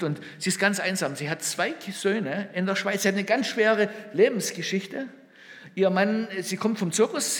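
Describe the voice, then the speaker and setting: A man with a fairly high voice preaches a sermon, full of feeling, going from ringing calls down to near-hushed asides. His voice rings out with the long reverb of a hall. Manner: emotional storytelling, swings between loud calls and near-hushed asides. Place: hall with a gathered audience.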